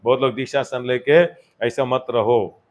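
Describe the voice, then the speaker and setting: A man's voice: mid-range voice, steady tone, unhurried. Man preaching a Hindi-English sermon. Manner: Hindi mixed with English words, swinging between loud exhortation and quiet asides. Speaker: pastor. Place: church.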